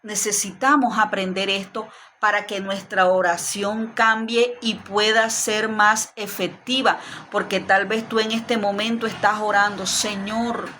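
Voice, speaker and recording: A woman's voice: medium pitch, little pitch movement, a little slow, bright, forceful tone, a little hiss or hum. A woman preacher giving a Bible study sermon, earnest and speaking straight to the listener. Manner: earnest, addresses listener directly.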